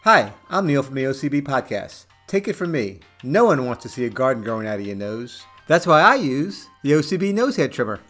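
A man's voice: mid-range voice, very animated, brisk, few pauses, fairly bright tone, soft background music. Man doing a hammy spoof ad testimonial. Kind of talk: mock commercial testimonial.

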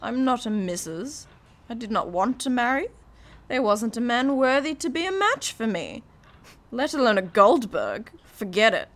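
A woman plays a scornful, snobbish old lady who has lost her grip on the present, boasting in an audiobook. Her voice sits rather high and swoops widely, bright and sharp-edged. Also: very animated, normal speed. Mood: haughty, scornful. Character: haughty senile old woman, snobbish and proud. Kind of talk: audiobook character reading.

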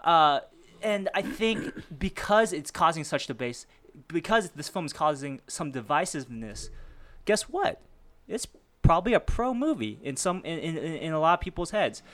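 A man's voice: a little high, very animated, normal speed, a bit bright. A young man arguing his side of a film debate in a casual, rambling way, swearing freely and acting out his reactions. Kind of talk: animated casual debate talk.

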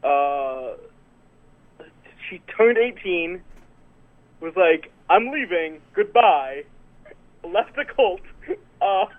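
A woman's voice: on the low side, animated, very slow, pauses often, dry recording. A young woman calling into a show, talking casually with hesitant fillers on a speakerphone held away from her mouth. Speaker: caller. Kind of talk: casual chat. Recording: tinny distant phone line.

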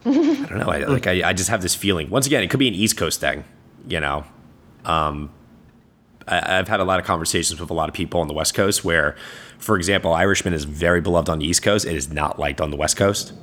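A man with a very low, hungover voice hosts a podcast. He speaks casually and informally, hesitating and trailing off as he wraps things up. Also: fast, a bit bright. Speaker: podcast host.

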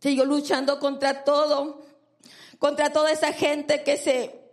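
A woman's voice: high voice, flat delivery, unhurried. A woman preacher delivering a sermon, emphatic and repeating phrases for stress.

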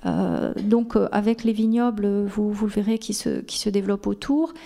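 A woman's voice: mid-range voice, normal speed, vocal fry, mellow. A woman moderating a conference panel, introducing speakers in a hesitant way with many fillers and restarts. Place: conference hall.

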